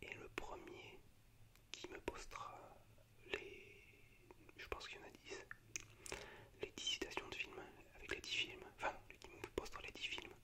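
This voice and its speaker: As an ASMR host, a man quietly recites lines from film monologues in an unvoiced, breathy whisper. He moves at an unhurried pace and sounds a little hesitant.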